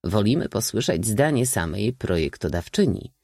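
A man voicing a composed young prince in an audiobook, speaking low and restrained. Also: sing-song, normal speed, a little mellow, no echo, studio quality.

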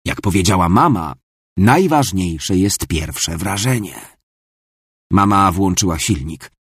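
A man reads a children's story in a fairly low, husky voice. His pitch moves in a lively way from phrase to phrase. The sound is dry and close. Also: slow pace, no echo. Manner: expressive storytelling. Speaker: narrator. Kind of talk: children's story read aloud.

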